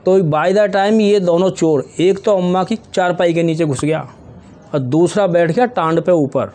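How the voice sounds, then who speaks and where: A man's voice: high voice, a little mellow. A man, telling jokes in a casual storytelling way and acting out his characters' lines. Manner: storytelling, quick acted quotes of characters.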